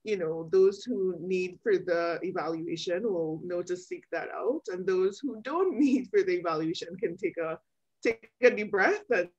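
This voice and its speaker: A woman developmental pediatrician explaining things in an interview over a video call, measured with frequent ums. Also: fairly low pitch, animated, darkish tone, muffled recording.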